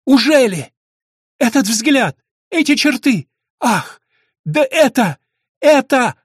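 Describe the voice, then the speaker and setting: A man's voice: on the high side, brisk, darkish tone, husky, dry recording, clean studio sound. A man voicing a starving, chained woman prisoner who pleads in breathless exclamations. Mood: shocked.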